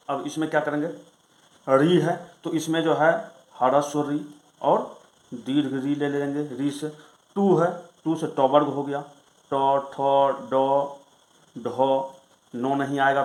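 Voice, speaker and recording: A male Sanskrit grammar teacher explaining rules in a lesson, reciting them slowly and then asking and answering his own questions. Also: a little high, reverberant, low-quality recording. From Bihar, India.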